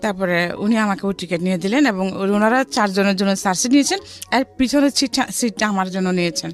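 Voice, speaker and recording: With music in the background, a middle-aged Bangladeshi-accented woman chats through the story of her life, mixing in English words here and there. She speaks at medium pitch and a little fast.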